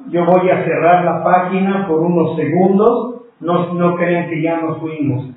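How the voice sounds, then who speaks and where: A man's voice: on the high side, a little slow, slight background noise. A man teaching a live-streamed Bible class, patiently spelling out words letter by letter and addressing listeners as brothers. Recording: echoey room, distant mic, thin phone-like sound.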